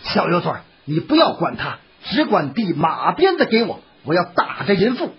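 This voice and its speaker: A storyteller voicing a swaggering, harsh rich man with a gruff, blustering manner, in a dull lo-fi recording. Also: mid-range voice, huge pitch swings, moderate pace.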